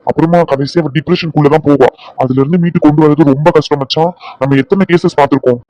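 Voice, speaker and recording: A man voicing a blunt young doctor who scolds and teases his friend in a cartoon drama, talking in brisk bursts. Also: a little high, steady tone, dark tone, no room sound, muffled recording, natural voice. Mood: lecturing.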